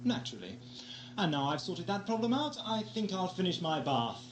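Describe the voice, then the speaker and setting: An actor with a British accent playing an eccentric, wry time-travelling Doctor in an audio drama, with theatrical phrasing. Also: male voice, high-pitched, sing-song, normal speed, background noise. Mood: wry, playful. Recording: lo-fi 1980s amateur audio drama, music behind.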